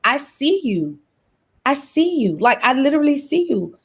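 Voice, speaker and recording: A woman's voice: high voice, sing-song, moderate pace, vocal fry. A woman guest in a conversation, explaining her view thoughtfully with a lot of "like" and "kinda.". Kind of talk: casual conversation.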